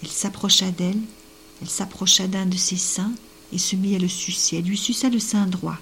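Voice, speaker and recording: A woman's voice: medium pitch, fairly even intonation, fairly quick, a bit bright, slight background noise. A woman telling a folk tale, often dropping her voice to a whisper. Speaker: storyteller.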